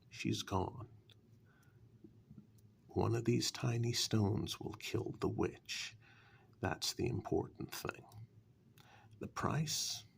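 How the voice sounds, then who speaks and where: In a dark fairytale ASMR role-play, a man plays a sly, condescending warlock who bargains coolly. He speaks softly in a gravelly, breathy half-whisper, with fairly low pitch and slow, dismissive deliberation, in a heavily acted performance over slight background noise.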